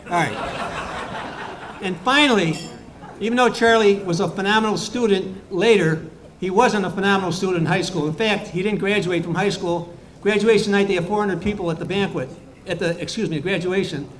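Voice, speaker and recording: A man with a fairly high voice tells jokes at a tribute roast, firing off stories one after another. He breaks in with quick asides to the crowd. Faint room chatter hums behind him. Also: fairly bright tone, a little hiss or hum. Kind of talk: stand-up style joke telling at a tribute. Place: bar event room.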